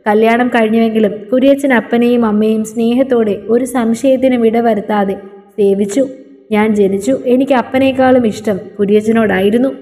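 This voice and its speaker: Woman narrator, steady story reading, slightly high and mellow, long reverberant tail.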